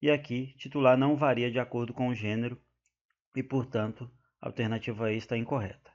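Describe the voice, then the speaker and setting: A man with a Brazilian accent explaining an exam-prep grammar lesson, slowly and patiently, drawing out the example words. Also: mid-range voice, little pitch movement, highs cut off. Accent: Brazilian Portuguese. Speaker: teacher.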